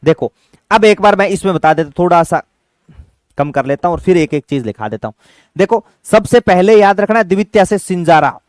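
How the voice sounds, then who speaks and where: High-voiced man teaching a class. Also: lively intonation, no room sound. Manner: fatherly, calls students "beta", quizzes and answers himself; chants mnemonic tricks slowly. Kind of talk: exam-prep lesson.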